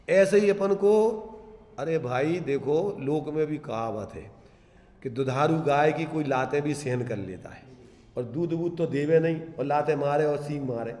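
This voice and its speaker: A man giving a Jain scripture discourse, asking his listeners rhetorical questions and slowly chanting verse lines. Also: on the high side, mellow. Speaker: Jain religious teacher. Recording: echoey hall.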